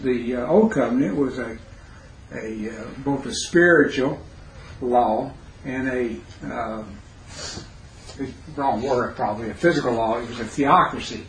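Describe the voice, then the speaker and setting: Teaching a Bible class inside a classroom, a man with a hoarse, raspy, mid-range voice speaks haltingly and stops to question his students. A recorder near the speaker picks up a roomy sound and faint background noise.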